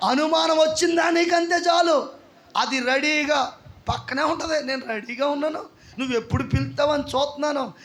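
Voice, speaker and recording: Preacher man, high gravelly voice, fiery revival sermon delivery, shouted call-outs. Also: a little hiss or hum. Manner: shouting, acting out quoted people. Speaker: pastor.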